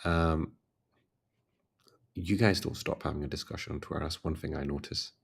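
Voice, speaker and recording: A man with a very low voice closes out a long livestream as a career coach. He sounds tired and yawns between thoughts, talking in a loose, rambling way and repeating his requests to like and subscribe. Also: steady tone, normal speed, vocal fry, husky. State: tired, yawning. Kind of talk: casual livestream chat.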